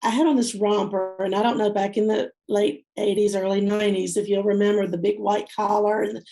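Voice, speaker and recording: A woman in her fifties, a guest telling a personal love story in an interview, heartfelt and teary-eyed, going quiet and slow at the tender parts. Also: mid-range voice, level tone, creaky. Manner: heartfelt, softens and slows at tender moments. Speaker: guest speaker.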